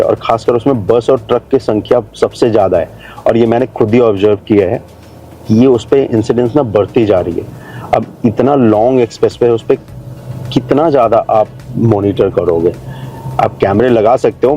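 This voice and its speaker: Driving along a new expressway before pausing at a construction site, a man provides chatty commentary for his travel and real estate channel, addressing viewers as brother and friends as he explains things. His voice is medium-pitched and mellow, and the audio sounds dull.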